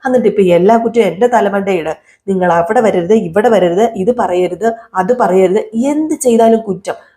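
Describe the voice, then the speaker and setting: Woman putting on a bitter middle-aged mother, scolding, defiant, repeating herself, mellow warm voice pushed higher, serial recap. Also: natural voice. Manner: scolding, repeats accusations, dares her daughter.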